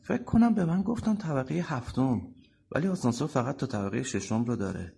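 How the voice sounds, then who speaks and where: Narrator doing an uneasy man character, husky, questioning. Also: mid-range voice, animated, darkish tone, voice pushed up. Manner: hesitant, questioning. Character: uneasy young man summoned for a trip.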